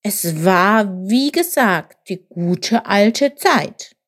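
A woman's voice: mid-range voice, moderate pace, close to an everyday voice. A woman voicing a small, clever male jackal who tells tales in a knowing, slightly scornful way. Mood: wistful. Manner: knowing, leisurely storyteller.

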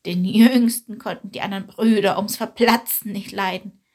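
A woman voicing a female goat in a storybook reading who tells old tales, mildly reproachful, with a breathy voice. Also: mid-range voice, steady tone, moderate pace, a little mellow, close to an everyday voice. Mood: storytelling.

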